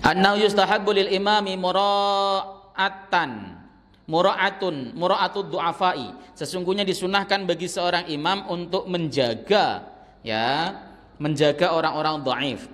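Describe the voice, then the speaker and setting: A man's voice: sits high, measured pace, a bit bright, in a large hall. A middle-aged man giving a conversational Islamic study lecture in a mosque, with teasing asides. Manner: conversational, teasing asides, chants verses in demonstration. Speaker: Islamic teacher.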